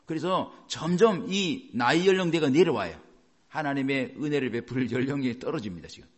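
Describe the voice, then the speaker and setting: Male pastor, lively up-and-down sermon delivery, keeps asking the congregation questions. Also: medium pitch, moderate pace, breathy edge. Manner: animated storytelling with rhetorical questions.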